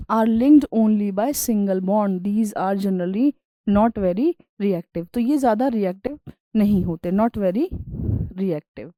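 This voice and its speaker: A woman teacher giving a science lesson. She reads English lines slowly, then explains them in Hindi with everyday examples, and keeps checking in with her students. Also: fairly high pitch, warm tone, dry recording, rough recording. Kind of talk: classroom lecture.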